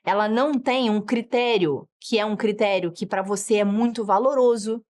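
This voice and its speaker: A woman's voice: mid-range voice, moderate pace. A middle-aged woman with a Brazilian Portuguese accent, teaching a parenting course and acting out what children and parents say. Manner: animated, acts out children's and parents' lines in shifting voices. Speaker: parenting educator. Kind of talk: online course lesson.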